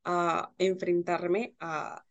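A woman guest in a casual podcast conversation, lively and acting out little exchanges as she tells them. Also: on the low side, drawn-out words, highs cut off.

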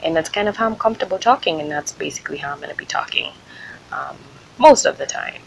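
A woman from Kenya talks casually on her own podcast in an American accent. Her voice sits slightly on the low side. She is informal and conversational, sharing thoughts in a loose, unscripted way. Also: expressive, quick pace, gravelly, a little hiss or hum, low-quality recording. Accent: American, picked up in Ohio. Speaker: podcast host and small business owner. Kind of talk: casual solo podcast talk.

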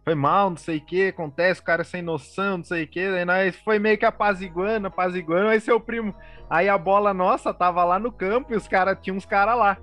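A Brazilian man chatting casually about a football fight, in a relaxed, slangy way. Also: high voice, brisk, soft background music. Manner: laid-back, slangy, says "velho" and "mano". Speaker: podcast co-host. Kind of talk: casual storytelling.

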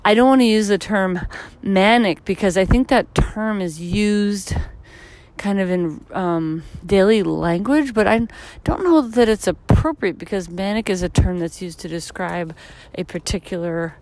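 This podcast host, a woman in her thirties, wanders through her thoughts on a street walk, using plenty of fillers. Tiredness leaves her voice a bit low and husky, with a darkish tone and an unhurried delivery.

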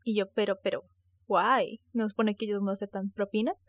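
A woman co-hosting a casual podcast, telling anecdotes in a playful, animated storytelling manner. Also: mid-range voice, a little fast, dull audio. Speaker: podcast co-host.

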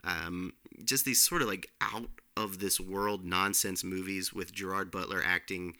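A man's voice: deep voice, fairly even intonation, a little slow, sharp tone. A man co-hosting a podcast, chatting casually about films with many fillers and restarts. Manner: rambling, lots of fillers and restarts. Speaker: podcast co-host, film reviewer. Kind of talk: casual film review chat.

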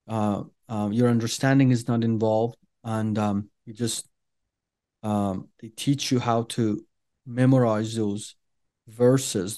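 As a guest in an interview, a middle-aged man from Iran whose native language is Farsi shares an earnest personal testimony. His lowish voice is a little mellow, and he talks deliberately, pausing often and using plenty of fillers.

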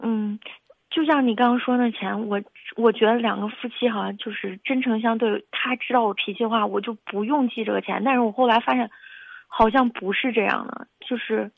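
Gravelly young woman caller, lo-fi line. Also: fairly high pitch, fairly even intonation, dry recording. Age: 20s. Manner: hesitant, halting. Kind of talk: call-in conversation. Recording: dull lo-fi phone line.

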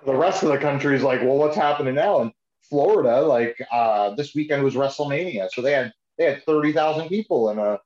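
A man's voice: medium pitch, a little fast, a little mellow. A man co-hosting a podcast, chatting casually about music in an informal, buddy-like way. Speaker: podcast co-host. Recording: dull, echoey room sound.

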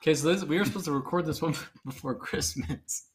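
A man's voice: fairly high pitch, normal speed. A man co-hosting a casual podcast, rambling, trailing off and laughing often. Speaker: podcast co-host. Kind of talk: casual chat.

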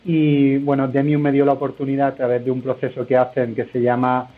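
A Spanish entrepreneur, a man, answers interview questions over a narrow phone line, rambling loosely and hesitating often. His medium-pitched voice stays monotone and moves a little fast.

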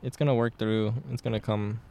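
A man's voice: on the low side, flat delivery, dark tone. A young man co-hosting a podcast in casual chat. He swears freely, tells stories and laughs often. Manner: loose and profane, quick to laugh and joke. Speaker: podcast co-host.

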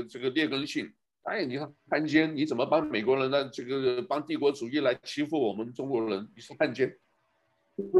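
Man musing aloud, dull lo-fi sound. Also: medium pitch. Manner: rambling, full of rhetorical questions. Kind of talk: casual commentary monologue.

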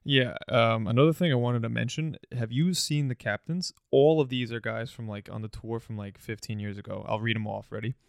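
Young man, podcast co-host, gravelly voice, dry close sound, laid-back joking chat. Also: medium pitch, brisk, hardly any pauses, dry recording.

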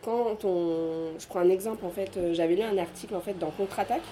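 Picture a woman talking through a book with friends in an easy, unscripted chat. Her voice sits on the low side with a mellow, soft tone, and she thinks aloud, circling back with fillers and restarts as she goes. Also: a little fast, soft background music. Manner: thoughtful, rambling with many fillers and restarts. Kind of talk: casual chat about a book.

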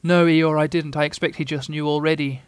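A man's voice: a little high, little pitch movement, smooth, no echo, lightly acted. A man voicing a small, timid male piglet who speaks nervously and in a hurry. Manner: nervous and hurried.

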